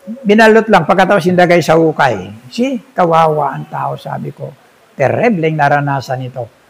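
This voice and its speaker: A man's voice: a little high, normal speed, creaky, rough recording. A man, an older pastor, preaching a sermon and telling a story, often asking his congregation "see?".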